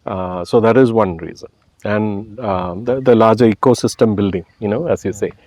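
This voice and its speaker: Speaking at a normal pace in a fairly low, slightly mellow voice, this Malayali man from Kerala, India, is a guest in a conversational interview. He explains his views reflectively and frequently adds "you know" to his phrases. The recording has no echo.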